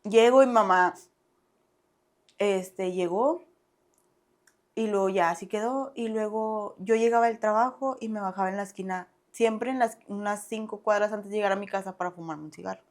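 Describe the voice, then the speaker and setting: A young woman with a Mexican accent, a guest on a podcast, telling her own story in a casual, animated way and often laughing. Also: mid-range voice, moderate pace. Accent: Mexican Spanish. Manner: animated, acts out past dialogue, laughs often.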